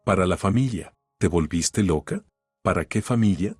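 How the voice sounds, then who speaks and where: A man's voice: low voice, lively intonation, moderate pace, husky, dry recording, clean studio sound, soft background music. A man voicing an entitled young husband who talks down coldly and with scorn, in an audiobook story reading. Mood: scornful. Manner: cold and scornful.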